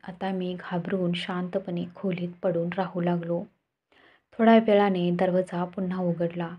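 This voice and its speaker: A woman telling a story in steady, scripted narration. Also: fairly low pitch, slightly rough. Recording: dull lo-fi recording.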